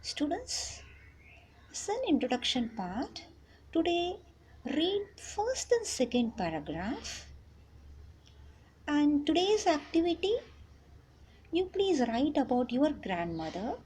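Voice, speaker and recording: A woman's voice: sits high, sing-song, slow, pauses often, darkish tone, poor audio. A woman from Chennai with a South Indian accent, teaching an English lesson in an instructive, explanatory way. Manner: instructive, checks in with short tag questions. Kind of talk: explanatory lesson, reading a text aloud and paraphrasing it. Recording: noticeable background noise.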